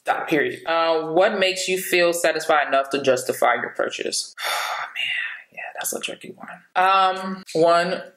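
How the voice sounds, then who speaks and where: A woman in her late thirties with a low voice talks openly and casually to her camera, chatty and frank, laughing easily. The sound bounces around a small room at home. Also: measured pace, a bit bright, roomy sound, poor audio. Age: 30s. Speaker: beauty vlogger.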